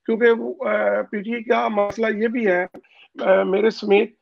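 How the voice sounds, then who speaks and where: A high-pitched man from Pakistan talks over a phone call line as an interview guest. His voice comes through muffled and completely dry, with no room around it. He presses his points insistently, with frequent hesitant fillers. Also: little pitch movement, takes it slowly, creaky, dry recording. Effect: voice heard over a phone call line. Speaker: interview guest, overseas community leader. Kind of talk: political interview.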